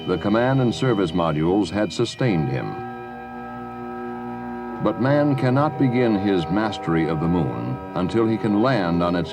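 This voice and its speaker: A man delivering scripted narration for a documentary. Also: sits low.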